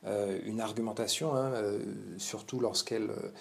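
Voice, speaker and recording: A man's voice: on the low side, fairly even intonation, normal speed, creaky. A man giving a spoken literature lesson, full of hesitations and filler sounds. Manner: hesitant, many fillers and verbal tics. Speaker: literature teacher. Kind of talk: spoken text commentary lesson.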